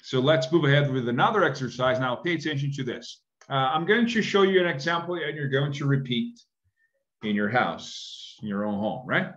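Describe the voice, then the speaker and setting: Man teaching with lively, swooping intonation. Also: mid-range voice, moderate pace. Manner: explanatory, often checks with "right?". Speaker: English teacher. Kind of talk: online classroom lesson. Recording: dull lo-fi webcam audio.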